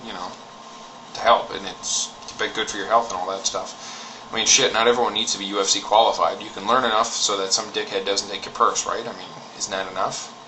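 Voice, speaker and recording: A man's voice: fairly low pitch, steady tone, fairly quick, pushed and bright. A man giving a casual, opinionated rant in a blunt, informal way with some swearing. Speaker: martial arts enthusiast giving opinions. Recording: clearly noisy recording with background ambience.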